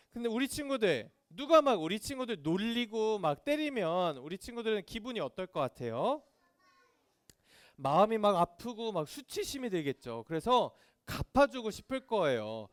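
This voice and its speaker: Preaching a children's sermon, a man with a high, clean-toned voice sounds animated as he quizzes the kids and acts out the voices of people he quotes. The recording is dry, with clean studio sound.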